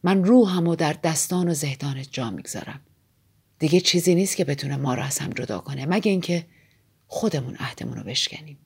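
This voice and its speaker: A woman reading an audiobook voices a brooding aristocratic man in a low, soft, often whispered voice. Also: expressive, creaky, breathy edge, exaggerated voice. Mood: tender, solemn.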